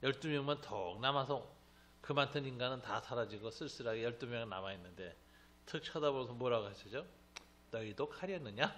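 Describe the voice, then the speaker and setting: Bright-voiced, animated male pastor. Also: mid-range voice, a little fast, a little hiss or hum. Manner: animated, acts out quoted voices, joking asides. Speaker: pastor teaching a Bible class. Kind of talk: lively Bible lecture.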